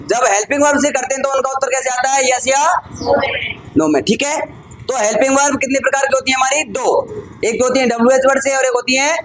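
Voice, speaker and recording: A man's voice: very high voice, fairly bright tone, poor audio. A man teaching a grammar lesson to a class, calling the students brother and son and checking often that they follow. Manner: addresses students as "bhai" and "beta", asks frequent check questions.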